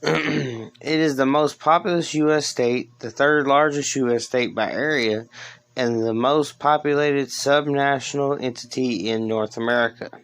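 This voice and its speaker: Male podcast host, mid-pitched, unhurried and halting, reading a script with casual asides. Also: a bit bright. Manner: halting, stumbles over words and corrects himself.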